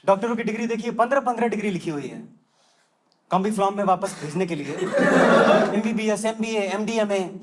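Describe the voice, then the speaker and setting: On a comedy club stage, a young Delhi comedian delivers a chatty stand-up routine and now and then mimics locals' voices. He speaks a little fast in a high voice, with slight background noise and the live crowd laughing along.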